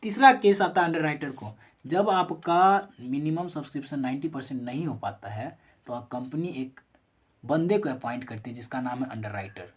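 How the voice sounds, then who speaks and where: An animated commerce teacher with a husky, mid-range voice talks at normal speed in a recorded lesson. Worked number examples are explained step by step, directly to the students. The teacher asks and answers their own questions and makes corrections mid-sentence.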